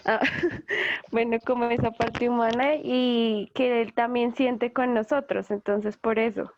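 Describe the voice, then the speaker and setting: A woman's voice: on the high side, level tone, measured pace, no echo, muffled recording. A woman in a study group answering a question over a video call, hesitant and searching for her words.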